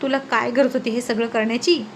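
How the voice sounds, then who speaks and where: A woman voicing a quick-tempered young husband who scolds his wife. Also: a little high, fairly even intonation, slight background noise, natural voice. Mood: angry.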